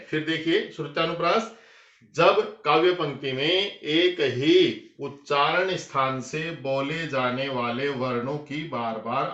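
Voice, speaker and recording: A man teaching a grammar lesson for exam preparation, explaining step by step and slowing down to recite lines of verse. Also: mid-range voice, bright, forceful tone. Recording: echoey room, dull lo-fi sound.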